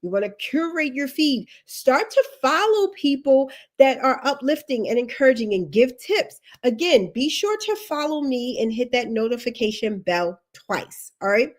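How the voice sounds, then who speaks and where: A woman with a high-pitched voice and big swings in pitch talks at a normal speed, barely pausing. She's a career coach on a livestream, sniffly from allergies, giving emphatic advice, repeating her key instructions and tossing in chatty asides.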